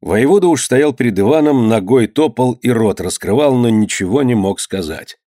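A man reads a historical novel aloud with a lively, swinging delivery. His voice sits at a middle pitch and sounds close and dry, as in a small studio. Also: moderate pace, dry recording. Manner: expressive storytelling, acts out characters. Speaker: audiobook narrator. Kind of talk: scripted narration of a historical novel.

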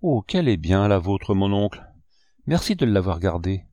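A man reading the lines of a young girl, a niece, in a soft, sighing, melancholy manner. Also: low-pitched, big pitch swings, moderate pace, no room sound, studio quality. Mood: wistful. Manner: sighing, wistful.

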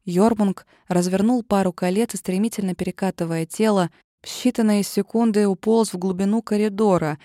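A woman narrating a first-person fantasy audiobook with tense, expressive storytelling. Her voice sits at a middle pitch. The recording is dry and close, with no room sound. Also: a little fast, no echo.

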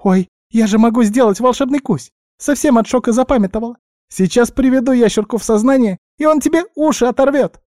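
A man doing a shrill bossy guinea pig girl. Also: a little fast, no echo, studio quality. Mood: indignant. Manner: loud, excitable, fussy and scolding. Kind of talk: audiobook character voice.

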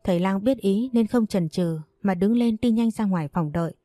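A woman narrating an audio novel in an even storytelling manner. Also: mid-range voice, moderate pace, no echo, studio quality.

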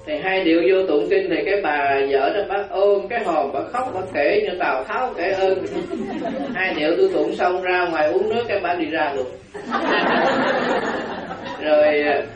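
A man, a Buddhist monk giving a humorous storytelling sermon and laughing as he goes. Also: sits high. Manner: humorous, laughing while telling anecdotes. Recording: roomy, distant, dull hall recording with audience. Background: audience laughter.

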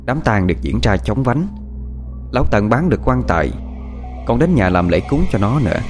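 A man's voice: medium pitch, very animated, normal speed, faint music behind. A man narrating a horror story with dramatic storytelling.

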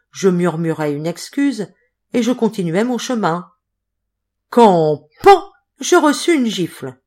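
Woman voicing a male court clerk, outraged, high-pitched, loud, emphatic, audiobook. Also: natural voice. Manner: indignant, rapid and emphatic. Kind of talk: audiobook character voice.

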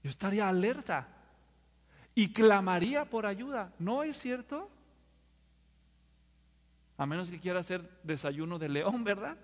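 A pastor preaches in a high, bright voice to his congregation. He keeps asking them questions, pushing them to answer. His words ring out with the long reverb of a big church hall. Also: lively intonation, unhurried, pauses often. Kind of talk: sermon.

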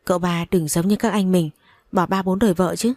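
A woman's voice: fairly low pitch, fairly even intonation, fairly quick, a little mellow, dry recording. A woman reading as a polite, loyal male aide. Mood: deferential. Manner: deferential.

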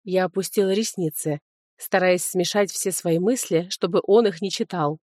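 A woman reading a first-person fantasy audiobook in a lively, expressive way, close to the mic. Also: on the low side, normal speed, dry recording. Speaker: audiobook narrator.

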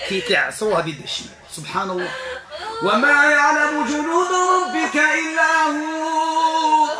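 A man with a Moroccan accent leading a ruqya exorcism session, questioning and commanding a spirit in a forceful, interrogating manner. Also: fairly high pitch, echoey room. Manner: commanding, interrogating, with Quran recitation. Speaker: ruqya healer.

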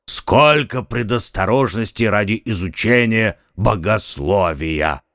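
A man doing a gravelly, scoffing musketeer. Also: fairly low pitch, slow pace, fairly bright tone, no room sound, clean studio sound. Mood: mocking. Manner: teasing, scoffing. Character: loud boastful male musketeer, mocking and indiscreet.

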